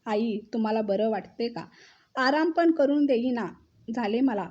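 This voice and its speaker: A woman's voice: a little high, lively intonation, unhurried, a little mellow, highs cut off. A woman voicing an irritable older mother-in-law who scolds and complains, in a storybook reading. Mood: irritated.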